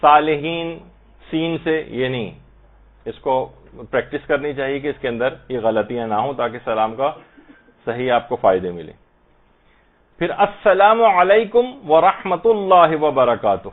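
A man giving an Islamic prayer lesson, patiently explaining and slowly reciting Arabic phrases to show how they should be pronounced. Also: medium pitch. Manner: slow, careful recitation of Arabic phrases to demonstrate pronunciation. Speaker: religious teacher. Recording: tinny phone-like audio.

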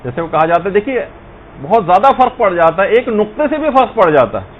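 A man's voice: high-pitched, big pitch swings, narrow, tinny audio, slight background noise. A man giving a patient, step-by-step religious lesson with examples. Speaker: religious teacher.

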